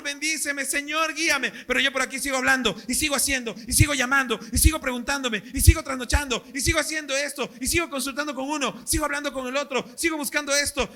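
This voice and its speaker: A male pastor, preaching a sermon at a church service and asking the congregation questions. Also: very high-pitched. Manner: animated, asks the congregation questions.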